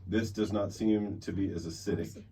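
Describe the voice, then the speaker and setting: A man's voice: on the low side, steady tone, moderate pace. A man tasting wine with friends, joking and making playful asides. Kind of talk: casual tasting chat. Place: wine bar. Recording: distant mic, noisy room.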